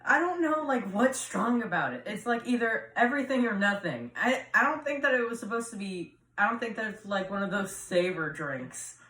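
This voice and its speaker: A young man chatting casually in a hesitant, deadpan way, often trailing off. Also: sits high, moderate pace, few pauses. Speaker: co-host. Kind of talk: casual chat. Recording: roomy room, distant mic.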